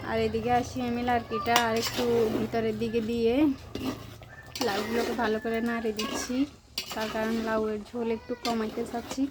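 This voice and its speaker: A young Bangladeshi woman chatting to her viewers while she works in her village garden, rambling and casual, sometimes slow and soft. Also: a little high, monotone, very noisy. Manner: speaks slowly and softly on purpose at times. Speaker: village vlogger. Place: outdoors in a village vegetable garden.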